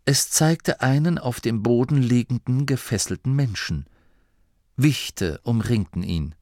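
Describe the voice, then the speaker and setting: A man reading an audiobook as narrator in a lively storytelling manner on a close studio mic. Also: mid-range voice, unhurried, dry recording. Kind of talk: scripted narration.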